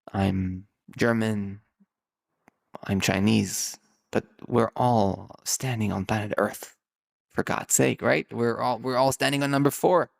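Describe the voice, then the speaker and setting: This man, a numerologist hosting his own podcast, speaks in a creaky voice on the low side. His off-the-cuff solo monologue rambles and muses, with key words drawn out and many restarted sentences.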